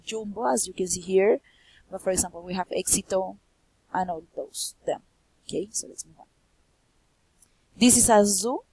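A young Colombian woman teacher with a Bogotá accent runs a bilingual vocabulary lesson. Her voice is a little husky and sits in a middle register. She is recorded close and dry, switching between English and Spanish at an even teaching pace. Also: mid-range voice, no echo, rough recording. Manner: says each point in English, then repeats it in Spanish; lifts her voice on quiz questions.

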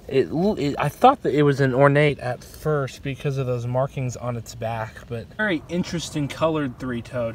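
A young man narrating a wildlife vlog in the field, talking casually and enthusiastically into a handheld phone. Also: medium pitch. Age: young adult. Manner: informal, enthusiastic, addresses animals as buddy. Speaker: wildlife vlogger. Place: outdoors in woods and by ponds. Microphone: handheld phone at arm's length. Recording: outdoor handheld recording with background noise.

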